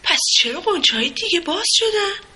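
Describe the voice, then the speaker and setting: A woman's voice: very high-pitched, pushed and bright, voice pushed up. A woman voicing a tiny, timid rosebud who is afraid of the sun, speaking in a small, frightened, pleading way. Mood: fearful.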